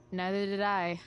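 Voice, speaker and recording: A slow-talking sarcastic teen girl. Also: mid-range voice, a little hiss or hum. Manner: dry, sardonic, hesitant casual phrasing. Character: sarcastic, guarded rebellious teenage girl student. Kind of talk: video game voice acting.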